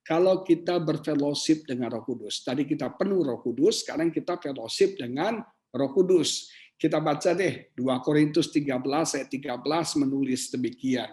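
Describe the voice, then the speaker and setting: A middle-aged man preaches a sermon with lively, conversational energy. His voice sits fairly high for a man, and he slips into acted inner dialogue and asides to the congregation. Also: normal speed. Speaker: pastor.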